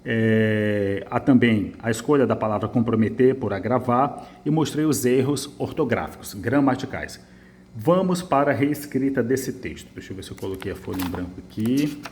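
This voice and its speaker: Lively Brazilian teacher correcting an essay. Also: male voice, medium pitch, moderate pace. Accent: Brazilian Portuguese. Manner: lively, emphatic, repeats phrases while writing. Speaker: writing teacher.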